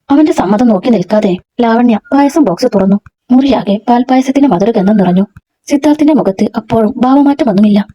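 A woman narrating a serialized story in a brisk, steady storytelling manner. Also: fairly high pitch, slightly rough. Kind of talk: scripted narration.

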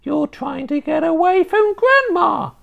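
A storybook reader voicing a sinister, witch-like old grandmother who taunts and threatens in a drawn-out way, slipping into a throaty whisper. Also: very animated, vocal fry, narrow, tinny audio, heavily acted. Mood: shrill, taunting. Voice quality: shrill and cackling, dropping to a throaty whisper. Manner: slow, drawn-out menacing delivery. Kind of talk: storybook reading.

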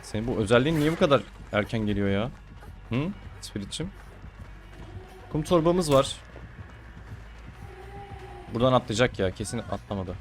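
A gaming streamer keeps up a chatty running commentary while playing, teasing his opponent and grumbling in exasperation when things go wrong. He has a medium-pitched, animated voice at a moderate pace with long pauses, and faint music plays behind him.

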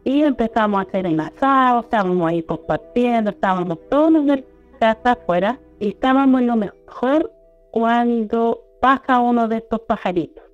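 A woman with a Chilean accent recounting a personal experience in a rambling, halting way, often repeating and restarting her words. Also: on the high side. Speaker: storyteller guest. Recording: muffled lo-fi audio with faint music.

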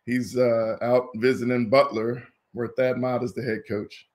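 Speaking unhurriedly in a mid-range voice, an Indianapolis, USA man in his fifties who once played college football tells stories as an interview guest. The chat is casual, and he livens it up by performing the voices of people he quotes.

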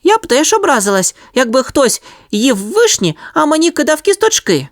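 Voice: moderate pace, no room sound, studio quality. Sonya, a clever little dog. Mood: musing. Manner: squeaky, excited exclamations. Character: small clever female dog, cheerful and naive. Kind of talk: storybook reading.

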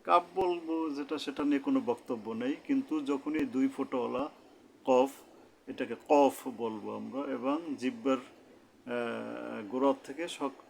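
A man with a gravelly voice explains each letter in a slow, careful lesson. He says every sound over and over at an unhurried pace. A faint hiss of noise sits under the recording. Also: medium pitch. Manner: repeats each letter sound slowly and deliberately. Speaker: Quran recitation teacher.

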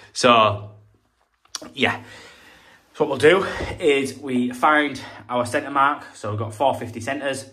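A man's voice: medium pitch, fairly bright tone, slight background noise. A British man working as a plumber, chatting casually to camera as he finishes a bathroom job, a bit out of breath, rambling and poking fun at himself. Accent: British English. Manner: chatty, rambling, self-deprecating. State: slightly out of breath. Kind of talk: casual work vlog, talking to camera. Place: bathroom being renovated, indoors.

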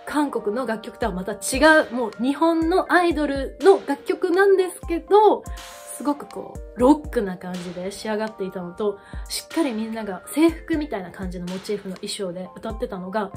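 A woman hosting a reaction video, reacting with excited exclamations and then talking through her thoughts casually. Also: fairly high pitch, a little fast, faint music behind.

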